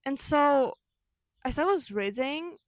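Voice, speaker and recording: Talking slowly in a high voice with lively intonation, a young Ukrainian-native vlogger reflects conversationally on personal matters, dropping fillers and correcting herself. The studio-quality recording has no room sound.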